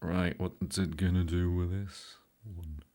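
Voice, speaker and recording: Hosting a casual live stream from his home studio room, a middle-aged man from Britain edits photos, jokes and greets viewers by name, a bit tired. He speaks British English in a low-pitched, mellow voice with little pitch movement and a slow pace.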